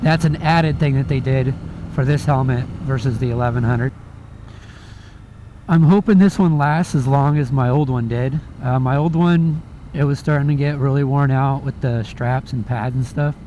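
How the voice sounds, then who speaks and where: Male motovlogger, mid-pitched, casual review delivery from inside a helmet on a moving bike, clear vehicle noise behind. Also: moderate pace, mellow, rough recording. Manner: talking from inside a motorcycle helmet while riding. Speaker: motorcycle vlogger reviewing gear. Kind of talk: casual chat, spoken review. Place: outdoors on a moving motorcycle. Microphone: mic inside a helmet. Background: vehicle and road noise.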